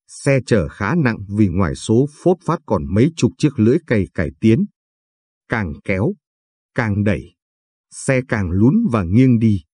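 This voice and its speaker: A man reading a story aloud in a steady, even storytelling way. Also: fairly low pitch, slightly rough, no echo. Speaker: narrator.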